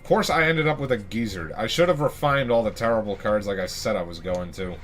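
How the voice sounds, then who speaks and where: A young man in college giving casual, sarcastic commentary while playing a video game, swearing and thinking out loud. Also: on the low side, a little fast, soft background music. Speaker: let's play host.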